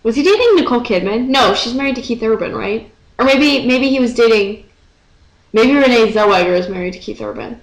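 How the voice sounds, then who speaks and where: A woman's voice: fairly high pitch, lively intonation, brisk. A teenage girl rambling sarcastically in a casual vlog, swearing freely, into a webcam mic. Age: teens. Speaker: vlogger. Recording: echoey room.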